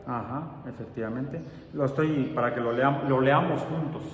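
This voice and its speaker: A man teaching a science class, explaining step by step and pausing often on fillers. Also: mid-range voice, far from the mic. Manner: explanatory, halting with many fillers. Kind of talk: classroom lecture. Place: large echoey classroom. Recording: very echoey hall, faint background noise.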